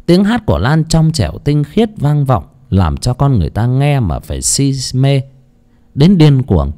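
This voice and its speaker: A man's voice: medium pitch, mellow. A man narrating an audiobook story in a dramatic way that rises and falls with the action. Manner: dramatic, rising and falling with the action.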